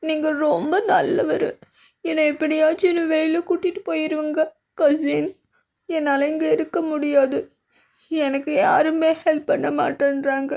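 A woman voicing a spoiled young rich woman who is whiny and demanding, in an amateur dub of an animated story. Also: high-pitched, normal speed, gravelly, highs cut off, pitched above the performer's own voice. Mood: meek.

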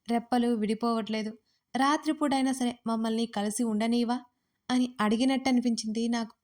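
A woman telling a first-person romance story with expressive, dramatic delivery. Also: on the high side.

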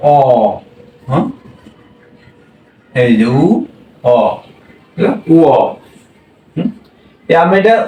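A man's voice: a little high, mellow, echoey room, recorded from a distance, rough recording. A man teaching a language class, drilling sounds with repeated questions. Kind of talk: classroom lesson.

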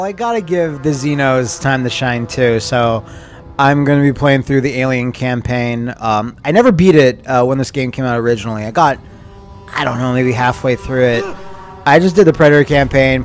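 A young man doing excitable, crude, jokey let's play commentary, breaking into loud bursts. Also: medium pitch, moderate pace, faint music behind. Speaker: gaming commentator.

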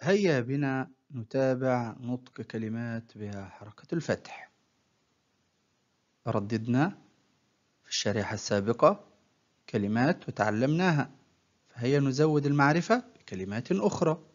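A man teaching children to read, spelling out words sound by sound in a slow, patient way and praising the learner often. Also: medium pitch, expressive, dull audio. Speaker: primary school Arabic teacher. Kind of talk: recorded reading lesson for children.

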